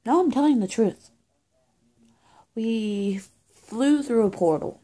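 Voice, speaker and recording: Playing a witch who cares for an injured person, this roleplay video creator improvises straight to camera. She is young, with a fairly high, warm, expressive voice that comes out breathy, halting and confiding, frequently dropping to near a whisper. The setting is a small bare-walled indoor room, and a phone or webcam at arm's length picks her up.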